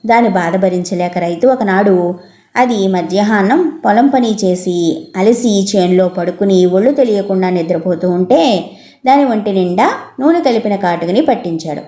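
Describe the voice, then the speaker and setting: A woman narrating a children's folk tale in a steady, measured way. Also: mid-range voice, reverberant. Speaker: storyteller. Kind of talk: storybook narration.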